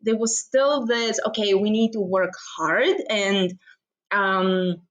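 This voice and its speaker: A young adult woman from Bulgaria, a business mentor telling her story as a podcast guest with animated energy. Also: medium pitch, slow pace, poor audio. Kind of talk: podcast interview.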